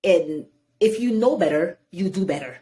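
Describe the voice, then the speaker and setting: Her voice is on the low side and her pace moderate as this woman, born in Haiti and in her thirties, appears as a guest in a relaxed interview. She recounts stories animatedly and frequently says "you know."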